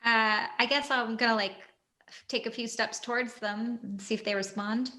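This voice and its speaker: A woman's voice: on the high side, steady tone, moderate pace, pushed and bright. A woman playing in a tabletop game, reacting eagerly and chattily. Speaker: player. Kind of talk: casual tabletop play.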